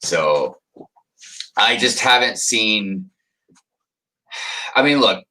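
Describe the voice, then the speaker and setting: Low-set and sharp-toned, this American livestream host's voice comes through on poor audio. He chats casually, rambles, chuckles, reads comments from the chat out loud, and speaks to viewers by name.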